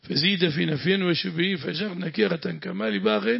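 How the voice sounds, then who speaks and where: A man's voice: high voice, normal speed, creaky, slightly rough. A man with a Lebanese accent teaching Quran exegesis, explaining points and quizzing his students as the text is read. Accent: Lebanese Arabic. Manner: explains and quizzes the students, repeating words after the reader. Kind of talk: classroom commentary on a read text. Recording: dull lo-fi lesson recording.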